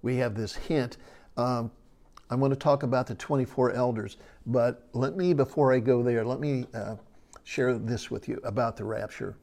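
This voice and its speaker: A man gives a sermon-style Bible lesson in a mellow, dark-toned voice. He explains things earnestly, with casual fillers, and slows down to lean on key phrases. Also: mid-range voice, steady tone, gravelly. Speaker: Bible teacher.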